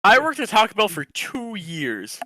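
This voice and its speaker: A man co-hosting a podcast, making deadpan absurd jokes and arguing his point. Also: high-pitched, normal speed, crowd noise. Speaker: podcast co-host. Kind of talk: casual chat.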